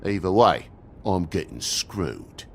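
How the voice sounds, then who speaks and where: An actor voicing a grumpy, indignant talking toad with a British accent in a video game, griping and sarcastic. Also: male voice, low-pitched, big pitch swings, slow pace, vocal fry, slight background noise, full character voice. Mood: bitter, angry. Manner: griping, sarcastic, foul-mouthed.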